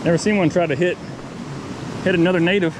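A man vlogging while fly fishing by a mountain creek, talking casually to the camera and getting excited and repeating himself when a fish bites. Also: high-pitched. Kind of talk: casual outdoor narration. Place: outdoors by a rushing mountain creek. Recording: outdoor recording with loud stream noise. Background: rushing stream water.

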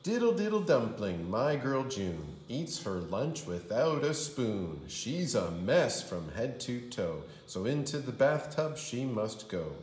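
Reading a children's storybook aloud like a kindergarten teacher, a man delivers the text in a theatrical, sing-song way. His medium-pitched, slightly mellow voice swings widely in pitch, moving slowly with hardly any pauses. The indoor room gives the recording a roomy echo.

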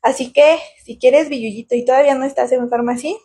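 A woman's voice: high-pitched, fairly even intonation, a little fast, dark tone, slightly rough. A woman in her thirties with a Mexican accent, leading a sales team and explaining her method to the camera, recorded on a phone indoors. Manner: persuasive, explains step by step with hand gestures. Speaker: direct sales team leader. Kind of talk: casual direct-to-camera sales pitch. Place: small indoor room with tiled wall. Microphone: phone camera at arm's length.

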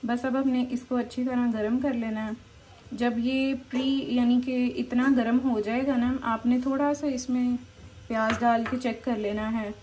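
In a rough recording with slight background noise, a woman demonstrates home remedies in her kitchen, filming on a handheld phone as she cooks amid frying and sizzling. Her voice is fairly high and a little mellow, with fairly even intonation at a moderate pace, and she explains chattily, often saying "okay" and "come on."

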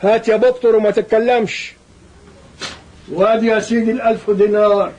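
Fed up egyptian merchant, raspy high voice, talks quick, gives in wearily. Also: male voice, little pitch movement, darkish tone, dull audio. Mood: resigned. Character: resigned, weary male merchant, submissive. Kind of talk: historical audio drama acting.

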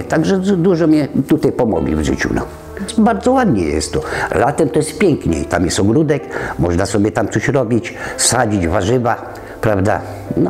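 A man's voice: mid-range voice, darkish tone. Older man, chatty and rambling. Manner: rambling, chatty, trailing off and restarting. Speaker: interviewee. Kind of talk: casual conversation. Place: community center, walking around.

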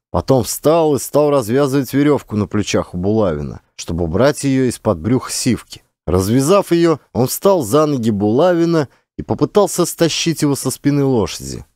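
Expressive male audiobook narrator. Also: medium pitch, dry recording, studio quality. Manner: expressive, dramatic storytelling. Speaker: audiobook reader.

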